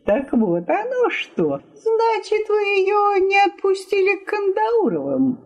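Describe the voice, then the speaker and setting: A woman's voice: extremely high pitch, wildly swooping pitch, slow pace, muffled recording, voice pushed up, exaggerated voice. A woman reading aloud, voicing a male houseguest who answers with mock sympathy and irony. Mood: ironic. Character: ironic gossipy male houseguest.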